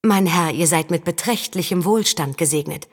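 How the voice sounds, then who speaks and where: A woman voicing a quick-witted young female street performer with loud, showy stage patter. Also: on the low side, breathy edge, big-room sound. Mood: coaxing.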